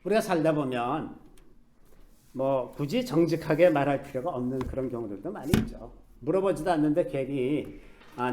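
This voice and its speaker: A middle-aged man preaching a sermon as a pastor, telling stories in a conversational way and softly acting out quoted speech. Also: mid-range voice.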